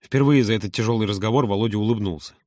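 A man reading a novel aloud in measured, earnest audiobook narration. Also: on the low side, a little mellow, no echo, studio quality.

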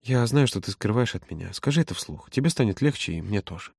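A man's voice: lowish voice, expressive, quick pace, vocal fry, breathy edge, no echo, studio quality, heavily acted. A man voicing a grieving mother. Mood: sorrowful, soft. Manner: soft, sorrowful, quiet. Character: grieving mother, aging woman, resigned and tender.

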